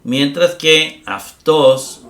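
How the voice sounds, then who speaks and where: A middle-aged man teaching a recorded Greek grammar lesson, explaining patiently step by step, often checking with "¿verdad?" and pausing on "eh". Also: fairly high pitch, a bit bright, echoey room.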